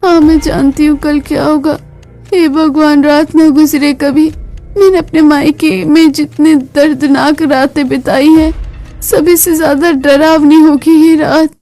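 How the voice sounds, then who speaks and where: A high, bright-toned young bride from an animated family drama, pleading and full of feeling, as a woman voices her. Soft music plays underneath. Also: normal speed, lightly acted. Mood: fearful. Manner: pleading, emotional. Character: young gentle mistreated daughter-in-law, tearful.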